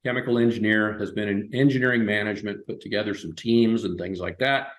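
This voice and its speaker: Male webinar host, lowish voice, loose and chatty delivery, recorded in a roomy echo. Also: quick pace. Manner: relaxed, loose, with frequent fillers and restarts. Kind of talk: casual presentation over slides. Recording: echoey room.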